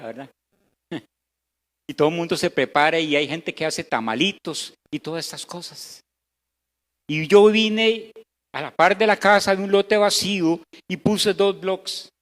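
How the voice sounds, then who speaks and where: A man with a Costa Rican Spanish accent preaching a sermon as pastor, swinging between loud emphasis and hushed, slow passages. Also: on the high side. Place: church hall. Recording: echoey church hall.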